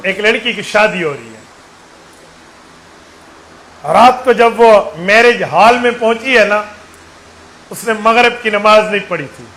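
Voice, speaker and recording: A man's voice: high voice, a little slow, pauses often, bright, forceful tone, rough recording. A man with a Saraiki accent preaching a sermon, counting aloud and quizzing his listeners with fervent exhortation.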